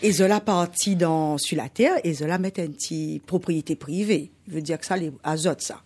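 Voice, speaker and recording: A woman's voice: sits low, normal speed, a little mellow, breathy edge. A woman from Réunion with a Réunion Creole French accent, telling a folk tale on the radio with sound effects and laughter. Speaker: storyteller guest.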